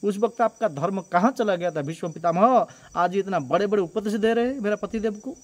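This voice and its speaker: Man doing indignant young queen, devotional storytelling, accusing rhetorical questions, emphatic repetition, high voice. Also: animated, normal speed.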